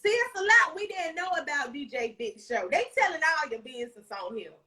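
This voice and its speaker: A woman host with an Alabama Southern accent and a high, forceful voice. She interviews casually, encouraging her guest and repeating phrases for emphasis. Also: sing-song, fairly quick. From Alabama, United States. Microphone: phone at arm's length, video call.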